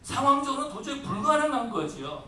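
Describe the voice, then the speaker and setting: A pastor preaching with a high, bright, emphatic voice and putting questions to his congregation. He is heard from a distant mic in an echoey church hall, with a faint rumble underneath. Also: sing-song, brisk. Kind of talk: sermon.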